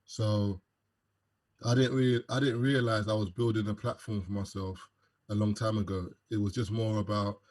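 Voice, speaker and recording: A man's voice: lowish voice, fairly even intonation, normal speed, a little mellow. A young man with a London accent, a podcast guest chatting casually and joking with plenty of fillers. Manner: laid-back, joking, lots of fillers. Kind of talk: casual interview chat.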